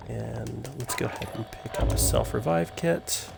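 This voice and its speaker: An American man casually commenting on his game for viewers, relaxed and self-mocking. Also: medium pitch, normal speed, vocal fry, over music. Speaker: streamer. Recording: noisy game audio behind. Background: game sounds, gunfire.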